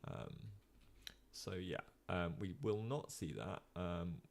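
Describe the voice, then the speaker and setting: A young man talks through chess games for a live-stream audience in a casual, rambling way. His voice sits very low and carries a gravelly fry, and he leans on frequent ums and uhs while he thinks aloud and answers the chat. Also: slow pace. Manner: chatty, many ums and uhs, reads chat.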